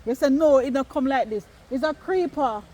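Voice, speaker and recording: Animated Jamaican woman vlogging outdoors. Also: high voice, moderate pace, very noisy. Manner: animated, emphatic, playfully argumentative. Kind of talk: casual family vlog chat. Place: outdoors in the countryside.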